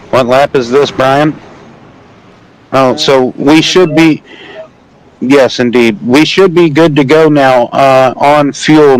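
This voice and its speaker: A man's voice: medium pitch, clear, resonant tone, poor audio. A man giving casual play-by-play commentary on a simulated truck race, rambling and self-deprecating with jokey asides. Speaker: sim racing commentator. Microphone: home microphone, online call.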